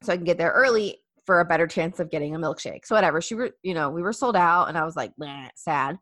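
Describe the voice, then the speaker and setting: A woman's voice: on the low side, animated, fast talker, a bit bright, no room sound, clean studio sound. A young woman hosting a casual chat, telling a story animatedly with many fillers and acted-out quotes.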